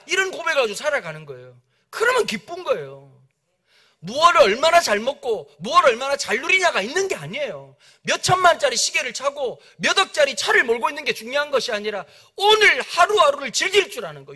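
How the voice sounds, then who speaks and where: A man preaching a revival sermon in a church. He keeps asking the congregation questions and swells into shouts. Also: very high-pitched. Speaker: guest pastor at a revival meeting. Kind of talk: impassioned sermon. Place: church sanctuary.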